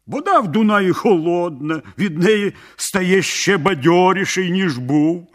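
A man voicing a cunning peasant trickster who mocks and boasts calmly. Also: sits high, a little slow, pitched above the performer's own voice. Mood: boastful.

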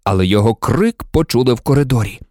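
An audiobook narrator reading a story in an expressive, lively manner. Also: mid-range voice, fast, dry recording, studio quality. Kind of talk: scripted narration.

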